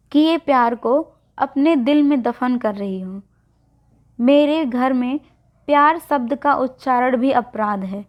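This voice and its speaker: Tearful young bride, as a woman narrator puts her on. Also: high voice. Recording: dull lo-fi recording.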